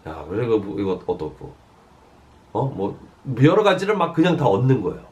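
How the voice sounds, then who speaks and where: Animated Korean-speaking male preacher. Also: medium pitch, moderate pace. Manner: animated storytelling, frequent fillers, shifting loud and soft. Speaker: pastor. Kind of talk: sermon.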